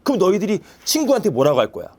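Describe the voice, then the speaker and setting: Animated man teaching kids science. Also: high-pitched, a little hiss or hum. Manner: playful, quizzing pupils with quick questions. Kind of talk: classroom lesson for children. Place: classroom with pupils.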